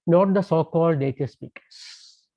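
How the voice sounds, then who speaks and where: Lecturing online by phone, a man who speaks Tamil as his first language is hesitant, full of fillers and restarts. He has a slightly high, warm voice and talks at a normal speed. The landline audio is dull and dry, with no room sound.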